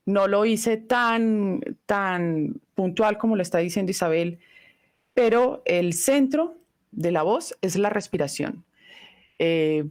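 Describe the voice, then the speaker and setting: Giving a live voice lesson online, a middle-aged woman whose first language is Italian speaks slowly and thoughtfully. Her pitch is medium, with a slightly mellow quality.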